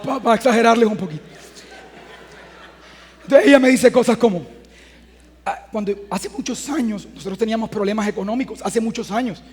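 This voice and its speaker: A man in his thirties preaching a sermon as a pastor, talking conversationally and then swelling into loud, emphatic passages. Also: extremely high pitch, husky, in a large hall. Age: 30s.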